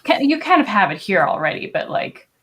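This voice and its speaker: A woman's voice: medium pitch, big pitch swings, a little fast, a bit bright. A young woman streaming while she draws, chatting casually and thinking aloud with lots of fillers. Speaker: streamer and artist. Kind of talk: casual live-stream chat while drawing.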